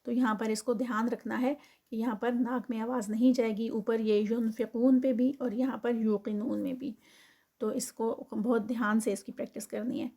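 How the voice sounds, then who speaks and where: A woman's voice: a little high, little pitch movement, dark tone. A woman walks through Quranic recitation rules letter by letter. Her tone is patient and methodical, like a teacher leading a class, and she sets each explanation out step by step. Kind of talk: tajweed lesson, explaining then reciting.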